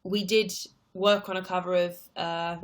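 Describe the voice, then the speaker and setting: A woman in her twenties chats casually on a livestream, reading viewer questions aloud and answering at rambling length. Her voice is fairly low and level, and she speaks a little slowly.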